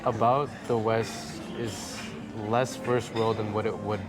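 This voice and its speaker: Over background music, a twenties American man from the Chicago suburbs, now an expat in the Philippines, explains things as an interview guest in casual chat, repeating phrases for emphasis. His voice is lowish, level and slow, and the audio from his lapel mic is poor. He sits in a large, bright lounge with tall windows.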